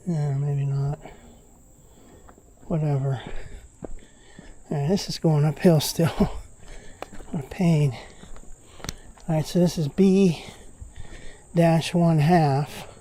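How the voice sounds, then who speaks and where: A man's voice: on the high side, fairly even intonation, takes it slowly, long pauses, warm tone, slight background noise. A man walking outdoors on a wooded trail, giving casual running commentary with chatty, grumbling remarks to himself, a little out of breath from the uphill walk.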